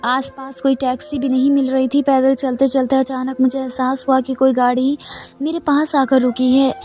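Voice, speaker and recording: A woman narrating a dramatic first-person story in a steady, even manner. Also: high voice.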